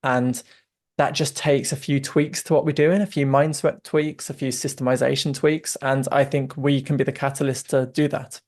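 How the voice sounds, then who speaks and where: A man's voice: mid-range voice, level tone, normal speed, darkish tone. A man in his thirties with a slightly Brummie English accent, telling his story in an earnest, chatty way as a podcast guest. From England. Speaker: guest, software co-founder. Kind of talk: casual interview chat.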